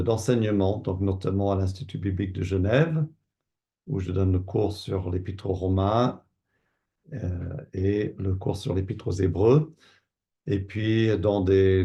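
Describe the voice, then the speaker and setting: Older Canadian pastor, low gravelly voice, unhurried and hesitant interview answers. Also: male voice, warm tone. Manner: thoughtful, hesitant with many fillers and repeated words. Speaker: pastor and Bible teacher.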